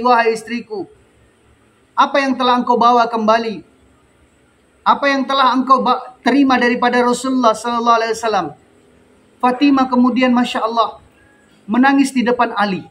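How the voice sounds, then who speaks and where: A man's voice: extremely high pitch, a bit bright. A man preaching a storytelling sermon, dramatic and drawn out, with frequent Arabic pious phrases.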